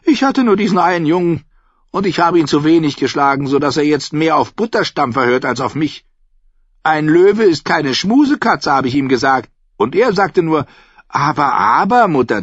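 A man voicing a sharp-tongued old noblewoman who mocks everyone bluntly and chattily. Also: on the high side, husky, no room sound, pitched above the performer's own voice. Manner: cutting, scornful, chatty. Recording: dull, dry audiobook recording.

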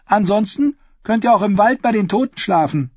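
A guarded ten-year-old girl in an audiobook, put on by a male narrator, pitched high and swinging about as she fires blunt, suspicious questions. The voice keeps a husky grain. It sounds close and dry. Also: expressive, normal speed, darkish tone, dry recording, dull audio, exaggerated voice. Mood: wary, blunt.

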